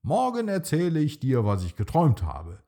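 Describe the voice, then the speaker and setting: Little storybook dino boy, high and bouncy, husky edge, put on by a male narrator. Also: normal speed, full character voice. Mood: cheerful. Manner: excited, pleading childlike voice. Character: small eager boy dinosaur.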